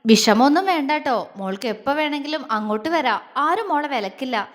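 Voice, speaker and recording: A woman's voice: high-pitched, lively intonation, fairly quick, big-room sound. A woman voicing a scheming middle-aged mother who speaks in a sugary, coaxing way in an audio story. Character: scheming older mother, sweetly affectionate.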